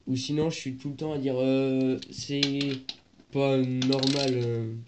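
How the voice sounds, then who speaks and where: A teen boy with a cold speaks slowly at a medium pitch with little pitch movement, hesitating as he looks for the right words. He's vlogging his moped work casually on a phone that starts handheld and ends up propped. The recording is dull, lo-fi, and noisy.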